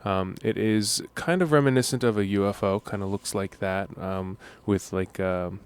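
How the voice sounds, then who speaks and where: A young man guesting in a radio studio interview, explaining at length in a relaxed way with many ums. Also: fairly low pitch, normal speed, clear, resonant tone. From United States. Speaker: musician guest.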